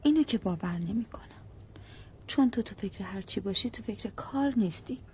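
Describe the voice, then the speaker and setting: A woman's voice: mid-range voice, lively intonation, a little mellow, slight background noise, lightly acted. An actress playing a worried wife who keeps pressing her brooding husband to say what is wrong, in a broadcast drama. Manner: persistent, coaxing.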